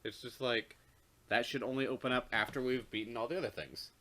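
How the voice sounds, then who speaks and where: A man's voice: medium pitch, steady tone, fairly quick, sharp tone. A man co-hosting a game playthrough, reading the game's narration aloud and chatting. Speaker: let's play co-host.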